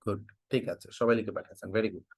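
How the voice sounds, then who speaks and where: A man's voice: lowish voice, steady tone, fast talker, darkish tone, dry recording, clean studio sound. A man from Bangladesh who teaches English, giving an online class lecture, quizzing his students and often repeating prompts for them to type in their answers. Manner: joking mock threats.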